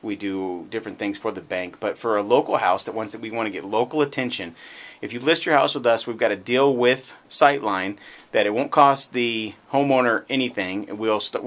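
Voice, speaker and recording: An American man with a lowish, slightly bright voice hosts a radio show, speaking at a normal speed. He talks off the cuff about his real estate work in a plain-spoken, opinionated, folksy way, mixing anecdotes with a sales-agent pitch. The recording is indoors in a radio show setting and sounds noisy and distant.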